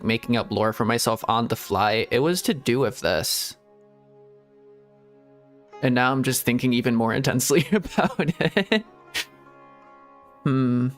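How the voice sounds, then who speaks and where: A man with a medium-pitched, slightly bright voice streams a game and gives casual commentary. His chatter is rambling and giggly, often trailing off before he starts again.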